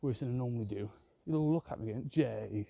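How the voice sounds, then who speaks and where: A vlogger walks outdoors in a park, filming on a handheld phone camera while he rambles and swears constantly. His mid-range voice is brisk and creaky, and the highs are cut off.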